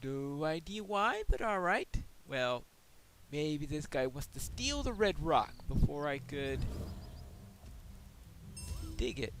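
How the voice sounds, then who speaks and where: A man's voice: a little high, fairly bright tone. A man giving casual solo game commentary, musing aloud to himself with wry asides. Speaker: gameplay host and player.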